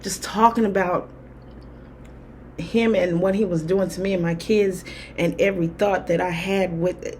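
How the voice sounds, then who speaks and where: A woman's voice: mid-range voice, darkish tone, slight background noise. A woman talking candidly to camera in a rambling, casual way, full of fillers. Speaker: spiritual vlogger. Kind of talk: casual personal talk to camera.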